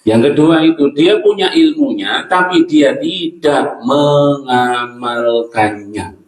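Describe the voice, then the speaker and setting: Slow-speaking Javanese-accented preacher. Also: male voice, medium pitch. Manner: earnest, mixing in local phrases, asks the audience questions. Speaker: Islamic preacher. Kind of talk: sermon. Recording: echoey hall, mic at a distance.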